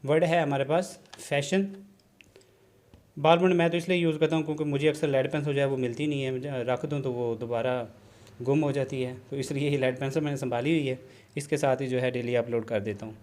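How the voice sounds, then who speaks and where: A man's voice: medium pitch, fairly even intonation, a little fast, darkish tone. A man teaching a shorthand lesson on video, explaining step by step, checking in often with a short "okay" and mixing English terms into his talk. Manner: explanatory, repeats "theek hai ji", mixes English terms into Urdu. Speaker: shorthand instructor. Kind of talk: classroom-style video lesson.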